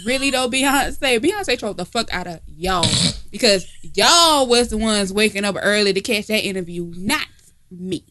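A woman's voice: mid-range voice, expressive, normal speed, background noise. A woman co-hosting a casual comedy podcast from home, talking in a brash, profane, teasing way. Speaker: podcast co-host. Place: informal home setting, not a studio.

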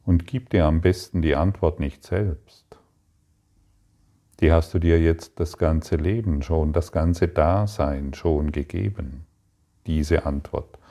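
A man giving a calm, meditative spiritual talk, speaking slowly and soothingly with long pauses. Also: extremely low pitch. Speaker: spiritual teacher.

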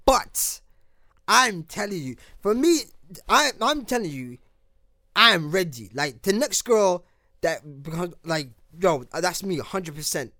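Male London podcast co-host, notably high voice, casual debate, repetitive and insistent, slangy, dry recording. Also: big pitch swings, slow pace, sharp tone, dry recording.

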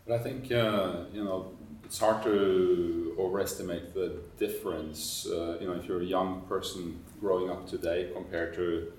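A man from Norway, speaking on a panel in a measured, hesitant way. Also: low voice, steady tone, darkish tone, a little hiss or hum. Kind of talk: roundtable discussion. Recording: roomy echo, mic far off.

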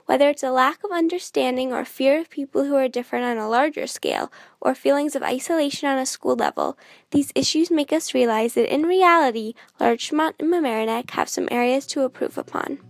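A woman's voice: high-pitched, big pitch swings, a little fast, creaky, dry recording. A teenage girl narrating a report as a student reporter, in an earnest read-aloud delivery. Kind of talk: scripted narration.

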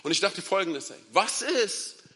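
A man preaching a lively, playful sermon to a young church crowd, dropping in bits of English slang. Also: high-pitched, measured pace, breathy edge, long reverb tail.

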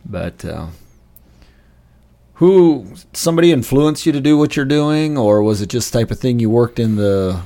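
A man's voice: mid-range voice, lively intonation, measured pace, warm tone. A man hosting a conversational podcast interview, asking questions and giving frequent encouraging affirmations. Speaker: insurance agent, podcast host.

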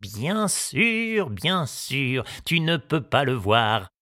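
A man voicing a kindly, wise old male gardener in an audiobook, musing slowly and confidingly. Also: medium pitch, sing-song, pushed and bright, dry recording, clean studio sound, pitched above the performer's own voice, heavily acted. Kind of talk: audiobook character reading.

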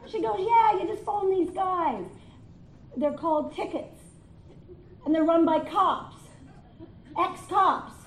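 High-voiced woman doing stand-up. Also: a little hiss or hum. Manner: animated storytelling, acting out both sides of conversations. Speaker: stand-up comedian. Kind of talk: stand-up comedy routine. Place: live venue with audience. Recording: echoey room with crowd.

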